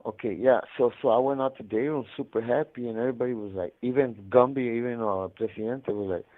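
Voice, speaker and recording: A man in prison tells his life story over a muffled phone, speaking fast in a mid-range voice with a steady tone. His casual storytelling rambles along in slang-filled, profanity-heavy talk.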